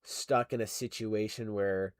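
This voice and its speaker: Speaking a little slowly in a lowish, steady, clean-toned voice, a young man chats on his livestream while animating stop-motion. He reads chat and rambles with lots of fillers, self-corrections, and laughter, in a dry recording with clean studio sound.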